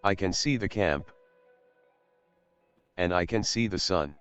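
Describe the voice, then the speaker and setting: A man playing a monotone, flat-spoken traveler in a live role-play. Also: low voice, takes it slowly, smooth, dull audio, soft background music, heavily acted. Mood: flat awe. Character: awestruck, flat-spoken young male traveler.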